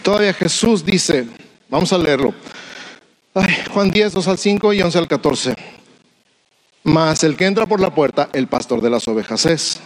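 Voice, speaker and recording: Man, pastor preaching a sermon, repeats refrains, asks his listeners questions, fairly high voice. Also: lively intonation, normal speed, pauses often, low-quality recording.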